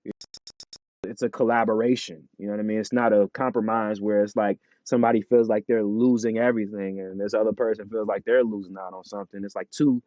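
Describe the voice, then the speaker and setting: A man's voice: fairly low pitch, fairly even intonation, brisk, a little mellow, dry recording, muffled recording. A man in a casual interview chat as a rapper guest, laid-back and full of "you know what I'm saying".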